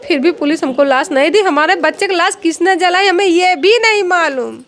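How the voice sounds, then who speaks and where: Middle-aged woman, high voice, distressed interviewee pleading her case. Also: brisk, fairly bright tone. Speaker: victim's mother. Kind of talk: interview testimony.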